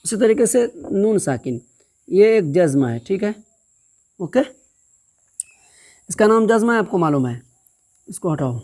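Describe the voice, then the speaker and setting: A woman's voice: medium pitch, sing-song, mellow. A woman teaching Quran reading step by step, patiently spelling out syllables and checking that the learner understands. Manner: patient, repeats syllables slowly and asks "understood?". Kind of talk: step-by-step recitation lesson.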